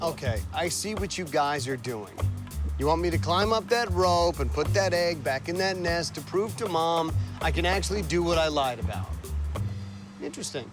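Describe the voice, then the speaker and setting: Man acting hapless sitcom dad, rather high-voiced. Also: expressive, moderate pace, over music, lightly acted. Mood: wry, evasive. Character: hapless, determined, whiny middle-aged dad in a family sitcom.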